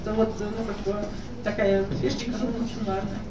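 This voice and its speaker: Женщина неформально выступает перед публикой на живой встрече. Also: female voice, mid-range voice, little pitch movement, a little fast. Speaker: speaker at a blogging event. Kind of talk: informal talk with an audience. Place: echoey indoor hall at a live event. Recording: echoey hall, distant mic, muffled, noisy.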